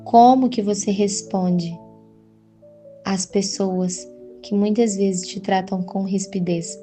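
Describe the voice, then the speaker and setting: Brazilian woman in her 30s, earnest devotional talk, keeps asking questions, soft music under her. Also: mid-range voice, steady tone, takes it slowly. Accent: Brazilian Portuguese. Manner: earnest, conversational, asks many questions. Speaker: devotional speaker.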